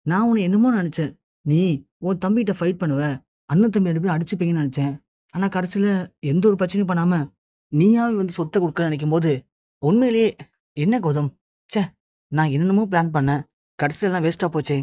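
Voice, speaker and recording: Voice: mid-range voice, a little fast, pauses often, dark tone, close to an everyday voice. A narrator reading a gloating male villain. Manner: mocking, gloating.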